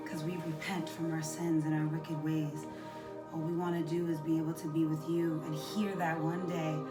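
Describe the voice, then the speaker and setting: A young woman with a lowish voice leads earnest prayer and workout encouragement while holding a wall sit. She is some distance from the mic in an echoey room, with meditation music playing loudly behind her. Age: young adult. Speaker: host of a faith and fitness challenge. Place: small indoor room at home. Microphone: camera a few metres away.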